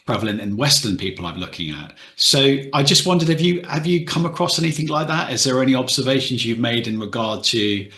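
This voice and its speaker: A man's voice: mid-range voice, expressive, a little fast, few pauses, sharp tone. Male host, hesitant rambling questions, echoey room on a call. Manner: hesitant, rambling, many restarts. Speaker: podcast host. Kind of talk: casual interview questions.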